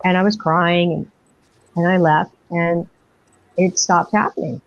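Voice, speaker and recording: A woman's voice: on the low side, fairly even intonation, unhurried. A middle-aged woman telling her personal story as an interview guest, rambling and breathless, full of fillers and acted-out quotes. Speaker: guest experiencer. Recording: dull lo-fi dry audio.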